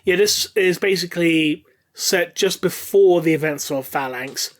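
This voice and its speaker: A podcast panelist in casual chat, this man links his explanations into long run-on sentences and swears casually for emphasis. His voice is a little higher than most men's, and he keeps a measured pace.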